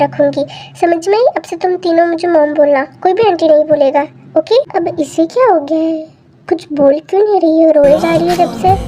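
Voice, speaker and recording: A woman's voice: high voice, dark tone, slight background noise, natural voice. A young woman voicing a teasing, bossy but fond mother.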